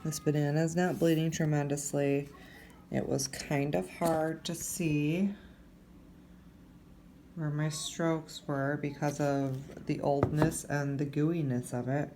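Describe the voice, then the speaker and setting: A young adult woman, hoarse from allergies, giving a relaxed, chatty tattoo tutorial while she works. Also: low-pitched, slow, a little hiss or hum. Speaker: tattoo instructor. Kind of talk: casual tutorial demo.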